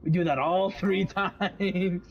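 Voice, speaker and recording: Guy on a crackly mic that keeps cutting out, dull lo-fi sound with loud hiss, stumbles and restarts. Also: sits high, steady tone, gravelly. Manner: halting, restarts and repeats himself. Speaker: gamer on voice chat. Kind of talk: casual gaming chat.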